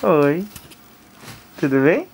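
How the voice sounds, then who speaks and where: A man coos and coaxes his baby in unhurried, playful baby talk. He records on a phone camera in a bedroom at home. A faint hum of room ambience sits behind his voice. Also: a little high, big pitch swings, gravelly. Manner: playful, coaxing baby talk with frequent chuckles. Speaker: father filming his baby. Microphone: phone camera held while filming.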